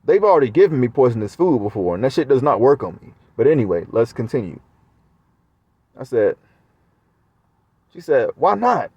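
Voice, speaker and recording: A man's voice: mid-range voice, expressive, normal speed, long pauses, mellow, slightly rough, lo-fi sound. A man talking straight to his viewers in a casual monologue, rambling and swearing often. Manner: profane, rambling. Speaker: vlogger.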